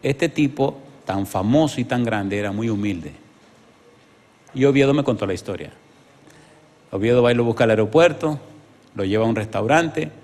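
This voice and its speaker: A man's voice: medium pitch, expressive, normal speed, pauses often, a little mellow, long reverb tail. A man with a Dominican accent preaching a sermon, telling a story and putting questions to the congregation. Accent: Dominican Spanish. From Dominican Republic. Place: church hall.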